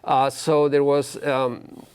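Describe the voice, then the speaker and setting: A man presenting an expert conference review, halting often as he searches for words. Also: medium pitch, little pitch movement, darkish tone, smooth.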